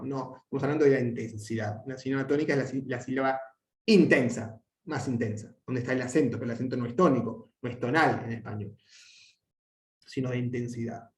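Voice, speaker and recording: A man teaching a language lesson, explaining at length with frequent restarts and fillers, and drawing out his example words slowly. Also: mid-range voice, a little mellow. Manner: hesitant, many restarts and fillers. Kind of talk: explanatory lecture. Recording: echoey room.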